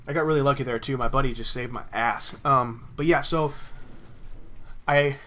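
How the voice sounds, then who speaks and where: A young male gaming commentator rambles through a personal story while playing, swearing a lot and restarting his sentences often. His mid-range voice is bright and forceful with fairly even intonation at a normal speed, and there's a little hiss or hum in the recording.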